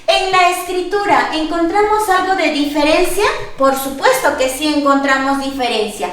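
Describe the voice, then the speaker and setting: A woman's voice: high-pitched, moderate pace, fairly bright tone, slight background noise. A woman teacher giving a classroom grammar lesson, asking the class questions, answering them herself and repeating the key points. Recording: very echoey room, voice far from the mic.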